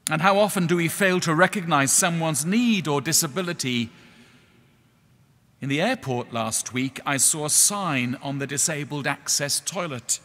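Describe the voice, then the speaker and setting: A middle-aged man preaching a sermon in a measured, earnest way, pausing slowly on key words. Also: a little high, lively intonation, bright, forceful tone. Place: church. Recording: echoey church hall.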